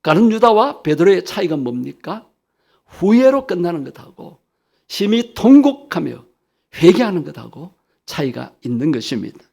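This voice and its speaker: Gravelly-voiced pastor preaching earnestly. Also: male voice, on the high side, big pitch swings, normal speed, darkish tone. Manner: earnest preaching, voices Jesus's questions with rising emphasis. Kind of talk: sermon.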